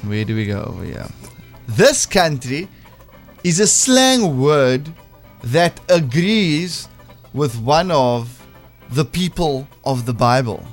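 Very animated yet slow-paced, a medium-pitched man with a broad South African accent hosts a casual breakfast radio quiz. He teases in a playful manner, with background music running beneath his voice.

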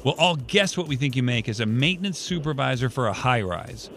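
A man hosting a morning radio show, joking and talking fast in casual banter. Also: mid-range voice, lively intonation, fairly bright tone, slight background noise.

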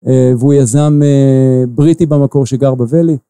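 A man in his forties with an Israeli accent, an investor answering interview questions slowly, with many filler pauses. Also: mid-range voice, steady tone, warm tone, clear, resonant tone, dry recording. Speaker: investor guest.

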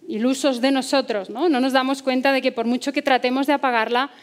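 Psicóloga española seria y algo aguda. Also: female voice, high voice, fairly even intonation, a little fast. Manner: earnest, rhetorical questions. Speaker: psychologist giving a talk. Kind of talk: motivational talk.

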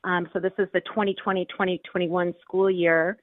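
Lady calling into a radio show, lowish voice, tinny phone sound, earnest with lots of ums. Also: moderate pace, no room sound. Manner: earnest, steady, with frequent fillers. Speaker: radio interview guest, parent advocate.

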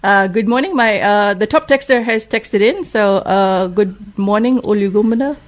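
A woman co-hosting a radio show in a small studio, chatty and quick to laugh, with many fillers. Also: medium pitch. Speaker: radio co-host. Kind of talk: casual radio chat.

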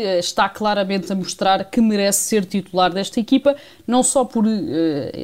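A woman's voice: mid-range voice, darkish tone. A woman with a European Portuguese accent giving live radio football analysis as a reporter, with some self-correction. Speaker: sports reporter.

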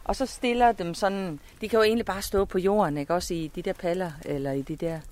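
A woman's voice: lowish voice, darkish tone. A woman chatting casually as she plans aloud. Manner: chatty, talks while planning. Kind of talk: casual chat.

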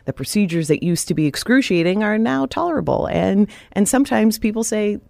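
A woman talking about dental health as a guest on a radio show, in a steady, informative and upbeat way. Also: medium pitch, brisk, gravelly, dry recording, clean studio sound. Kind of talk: radio interview.

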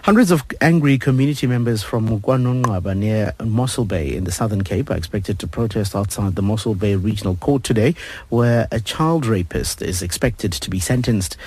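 A man's voice: lowish voice, a little mellow, slightly rough, no echo, low-quality recording. A man reading a scripted radio news bulletin.

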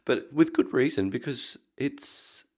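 A sick man with a deep, very gravelly voice, co-hosting a casual podcast chat. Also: lively intonation, slow pace. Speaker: podcast co-host.

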